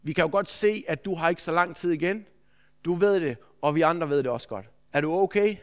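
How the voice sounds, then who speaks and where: A man's voice: a little high, close to an everyday voice. A man voicing a young female care worker who asks careful, concerned questions. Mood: caring. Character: young caring female social assistant.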